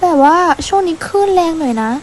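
เสียงผู้หญิงเล่นเป็นเจ้าหญิงเงือกน้อยเสียงสูงมาก ใจดี. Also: female voice, extremely high pitch, animated, fast talker, warm tone, a little hiss or hum. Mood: eager, reassuring. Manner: reassuring, eager, exclamatory. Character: friendly young mermaid princess, protective guide. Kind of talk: amateur story role-play dialogue.

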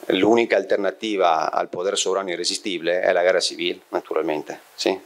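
Man, from Italy, middle-aged, very low voice, lecturer, live class, handheld mic, checks in with audience. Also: fairly even intonation, fairly quick. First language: Italian. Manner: frequent checking questions to the audience, thinking aloud. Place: small lecture room with bookshelves and projector. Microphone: handheld microphone.

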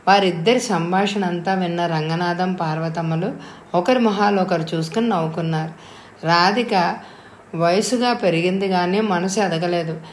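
A woman's voice: fairly low pitch, slight background noise. Woman storyteller reading aloud, roomy echo. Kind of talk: audiobook narration. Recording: echoey room.

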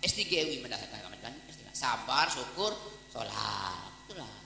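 This man's voice sits at medium pitch, creaky and moderately paced. Speaking with a Palembang Malay accent, the preacher from Palembang, Indonesia delivers a funny sermon full of lively stories, mimicked dialogue and bursts of song. The recording carries the long reverb of an echoey hall.

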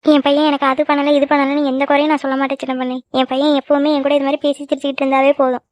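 A woman voicing a tender, emotional middle-aged mother in a cartoon, talking quickly and fondly. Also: high-pitched, little pitch movement, no echo, lightly acted. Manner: affectionate, quick, tearful at times. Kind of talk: cartoon voice acting. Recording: dry, dull lo-fi recording.

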